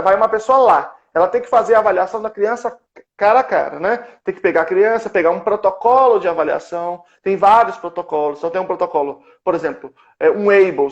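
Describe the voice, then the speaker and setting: A Brazilian man with a fairly high voice lays out a process one step at a time, walking through concrete examples and thinking aloud between them. He has a conversational professor's manner. The recording is dull and lo-fi. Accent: Brazilian Portuguese. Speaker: professor explaining a therapy method. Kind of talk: conversational explanation.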